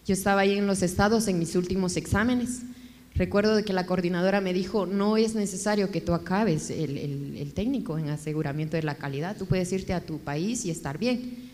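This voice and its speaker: Mujer guatemalteca contando su historia. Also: female voice, on the low side, normal speed. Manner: animated, emotional storytelling. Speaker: guest. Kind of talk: telling her life story. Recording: echoey hall.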